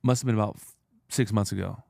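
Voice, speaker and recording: A man's voice: on the low side, steady tone, quick pace, vocal fry, a little mellow, no room sound, clean studio sound. A man in his thirties, an entrepreneur guest, telling blunt, profane stories in streetwise slang. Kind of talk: casual storytelling.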